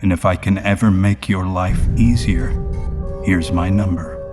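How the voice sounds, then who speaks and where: A sinister, wealthy old grandfather as a male narrator acts him out in a horror story. The voice is very low, quiet and controlled, with a domineering air. Music plays clearly behind it. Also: fairly even intonation, measured pace. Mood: menacing politeness.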